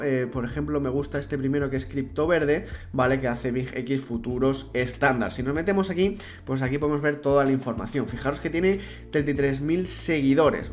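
Young Spanish man talking through a tutorial. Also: a little high. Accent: Spanish from Spain. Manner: chatty, addresses viewers directly, frequent restarts. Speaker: crypto tutorial host. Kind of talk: screen-recorded tutorial walkthrough. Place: indoor room.

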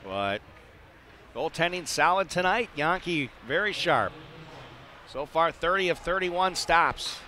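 His voice sits a little high, sounding pushed and bright as he narrates a hockey game slowly but with animation. The live, radio-style play-by-play comes in clipped phrases with chatty asides, recorded in an indoor ice arena with slight background noise.

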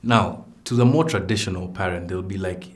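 A man's voice: low-pitched, brisk. A man hosting a talk show interview, asking probing questions in a playful, conversational way. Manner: probing, playful, many fillers.

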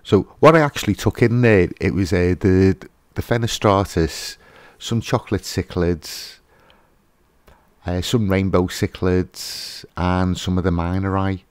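A man's voice: sits low, steady tone, measured pace, clear, resonant tone, no room sound. A man hosting a fishkeeping channel, giving a casual, hesitant voice-over with lots of fillers and restarts.

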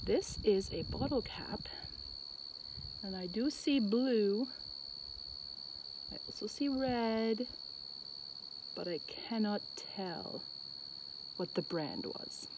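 A woman's voice: mid-range voice, big pitch swings, takes it slowly, gravelly, pauses often. Rambling woman vlogging outdoors. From Acadian Canada. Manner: rambling, self-interrupting, thinking aloud. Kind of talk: casual outdoor vlog chat. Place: outdoors on a bridge over water. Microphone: phone set on the bridge. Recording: noisy outdoor phone recording, traffic, insects.

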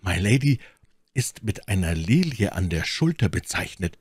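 A man's voice: deep voice, very animated, moderate pace, breathy edge, no echo, clean studio sound, heavily acted. A man voicing a hot-blooded young man who speaks with urgency and emphasis. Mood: urgent.

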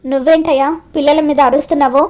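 A woman's voice: high-pitched, steady tone, quick pace, a little mellow, natural voice. A woman voicing a stern, bossy female school principal who scolds and threatens. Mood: scolding.

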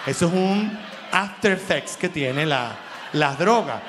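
Venezuelan guy doing standup, high voice, lively and laughing, long hall reverb with a little hiss. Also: slow. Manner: animated, laughing, acts out quoted voices. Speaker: comedy show host. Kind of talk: stand-up comedy monologue.

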